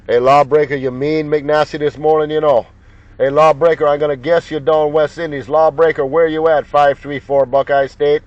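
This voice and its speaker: A man operating a CB radio repeats call signs in slangy, folksy, joking banter. His voice is on the high side, level, at a normal speed. The sound is muffled and lo-fi, with loud radio noise and clicks in the background.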